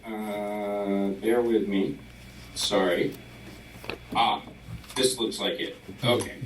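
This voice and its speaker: A man's voice: fairly low pitch, fairly even intonation, slow, roomy sound, far from the mic, a little hiss or hum, low-quality recording. A man on a village council eagerly talking through data on a shared screen, apologizing as he goes. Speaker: council member. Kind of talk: council meeting remarks.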